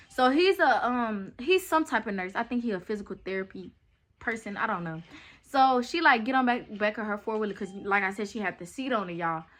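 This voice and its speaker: Bright-voiced young woman telling a storytime. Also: medium pitch. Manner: chatty and animated, talks straight to viewers. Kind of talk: casual storytime chat.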